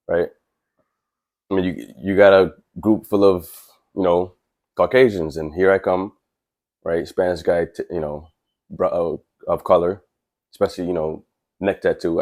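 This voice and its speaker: Stuffed up with a cold, a man who works as a welder speaks plainly and earnestly to camera in a casual, frank tradesman vlog. His voice is low-pitched with a darkish tone.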